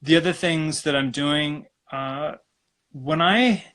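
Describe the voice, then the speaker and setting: Man, from Alberta, guest acupuncturist, rambling casual talk, bright tense voice, video call. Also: a little high, takes it slowly. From Canada (Alberta). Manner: relaxed, rambling conversational. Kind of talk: casual live-stream interview.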